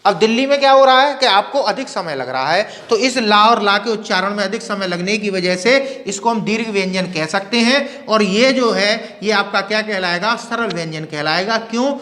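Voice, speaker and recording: A man teaching Hindi grammar in a classroom lecture. He asks questions and answers them himself, and repeats words slowly to show their pronunciation. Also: high voice, bright, forceful tone, big-room sound.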